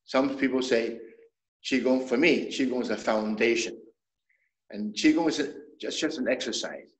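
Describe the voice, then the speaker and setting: A man in his seventies, a traditional medicine doctor, explaining things in a measured way as an interview guest, often restarting his sentences. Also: mid-range voice. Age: 70s. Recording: roomy echo.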